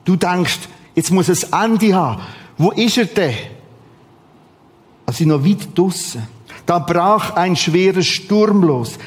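Guy preaching, unhurried, chatty then bursts out loud, echoey hall. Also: sits high. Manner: lively, conversational preaching with sudden emphatic outbursts. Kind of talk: sermon.

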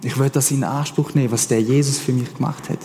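A man's voice: medium pitch, fast talker, a little hiss or hum. Swiss man preaching in a reverberant hall. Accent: Swiss German. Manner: casual, animated preaching with slang. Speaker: pastor. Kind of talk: sermon.

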